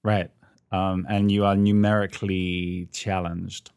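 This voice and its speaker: Over a remote call, a middle-aged British podcast co-host speaks in a low, smooth, darkish voice with little pitch movement and an unhurried pace. He chats casually, peppered with ums and self-deprecating dry humor, and the audio has no echo.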